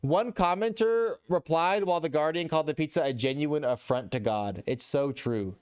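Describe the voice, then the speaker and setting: A man's voice: a little high, normal speed, darkish tone, clear, resonant tone. A man streaming live, chatting casually with his chat in a rambling way and reading posts aloud.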